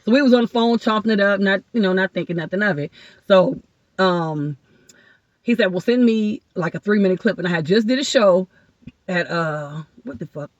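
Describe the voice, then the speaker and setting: A woman from Ohio, a guest comedian, telling rambling, excited stories in casual podcast chat. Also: mid-range voice, normal speed, no echo. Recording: dull lo-fi dry sound.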